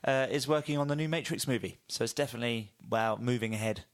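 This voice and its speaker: This is a man talking casually on a podcast about film news. He rambles a little and pads his sentences with fillers. His voice sits at an ordinary pitch. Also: quick pace. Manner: chatty, hesitant with many fillers. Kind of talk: casual chat.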